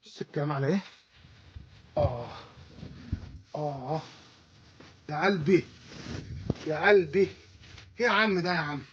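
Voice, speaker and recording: A high-voiced Egyptian man hawks his carpets, chatty and quick to repeat short catchphrases. The recording sounds dull and lo-fi, with a faint hiss behind him. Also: fairly bright tone. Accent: Egyptian Arabic. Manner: chatty, repeats short phrases like a market hawker. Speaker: carpet seller. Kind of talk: casual market sales pitch.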